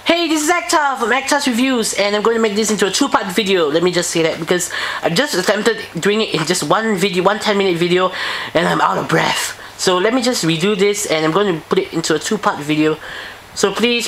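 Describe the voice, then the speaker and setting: A man's voice: a little high, fairly bright tone, a little hiss or hum. A man casually reviewing his card collection on camera, eager and rambling, often repeating himself. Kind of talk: casual home video review.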